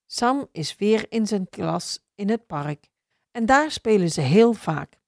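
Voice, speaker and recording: Woman reading a kids story out loud, slow and really lively, dry sound. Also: mid-range voice, creaky, dry recording. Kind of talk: reading a children's story aloud.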